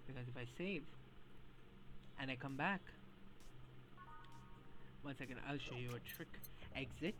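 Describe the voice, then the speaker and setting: A woman's voice: rumbling low, measured pace, long pauses, noisy background. A woman streamer giving casual, playful commentary while she plays a game. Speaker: gaming streamer. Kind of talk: casual let's play commentary.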